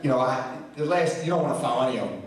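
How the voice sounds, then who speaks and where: Rambling roast speaker in an echoey hall. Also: male voice, medium pitch, expressive, fast, heavy background noise. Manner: rambling, self-deprecating, restarts often. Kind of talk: nervous roast speech. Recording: roomy hall mic from a distance.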